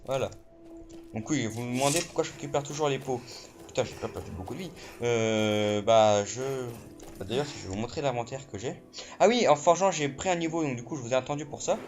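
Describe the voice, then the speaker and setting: A man giving casual let's play commentary while he plays, excitable, full of fillers and swearing. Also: mid-range voice, a little fast. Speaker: gamer. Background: game music.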